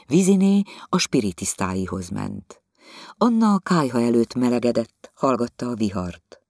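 A man reading a literary novel aloud as an audiobook narrator, in measured, expressive storytelling. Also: fairly low pitch, no echo, studio quality.

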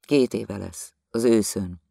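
A man's voice: lowish voice, gravelly, warm tone, dry recording, clean studio sound. A man voicing a burly, kind chimney sweep in his thirties, speaking in plain, blunt, homely phrases. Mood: gruff-kind. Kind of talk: audiobook dialogue.

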